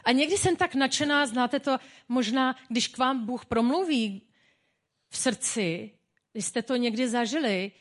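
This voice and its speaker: A woman pastor giving a sermon in a personal, humorous, conversational way. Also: on the high side.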